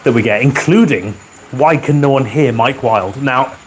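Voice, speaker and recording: Male livestream host, mid-pitched, chatty and dryly funny, frequent throat-clearing, faint room hiss. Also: moderate pace, rough recording. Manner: chatty, reads out viewer comments with dry humor. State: keeps clearing his throat. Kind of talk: casual live chat. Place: home garage with a model railway layout. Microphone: wearing a microphone.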